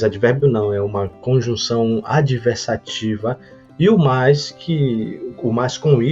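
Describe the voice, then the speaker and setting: A Brazilian man teaching a recorded grammar lesson, explaining slowly with frequent hesitations and restarts. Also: mid-range voice, dark tone, breathy edge. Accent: Brazilian Portuguese. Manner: hesitant, many fillers and restarts; explanatory, reads example sentences slowly. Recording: dull lo-fi audio, faint guitar music.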